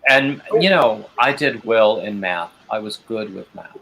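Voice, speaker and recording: Low-voiced man chatting over background noise. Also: unhurried, poor audio. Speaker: livestream host. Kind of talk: casual chat. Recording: steady noticeable background noise.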